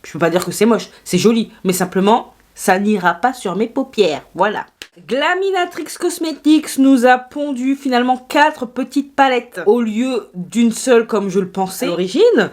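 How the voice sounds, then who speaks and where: A woman's voice: fairly high pitch, moderate pace, a little mellow. A woman chatting through a makeup haul video, playful and self-mocking, talking straight to her viewers. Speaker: beauty YouTuber.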